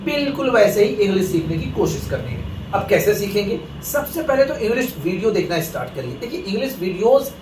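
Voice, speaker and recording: A man's voice: high-pitched, big pitch swings, brisk, hardly any pauses, recorded from a distance, background noise. Echoey man teaching in Hindi. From India. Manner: explaining, addresses viewers as friends. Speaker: English teacher. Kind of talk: Hindi lesson talk.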